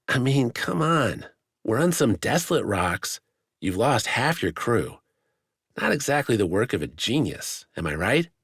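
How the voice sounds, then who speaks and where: A man's voice: medium pitch, sing-song, brisk, gravelly, hardly any pauses, a bit bright, breathy edge, no room sound, studio quality, pitched above the performer's own voice, exaggerated voice. A man voicing a cocky young male adventurer in an audiobook, with taunting, needling banter.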